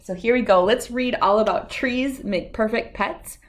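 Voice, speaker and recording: A woman reads a children's picture book aloud, telling the story expressively. Her voice is a little high and her pace moderate.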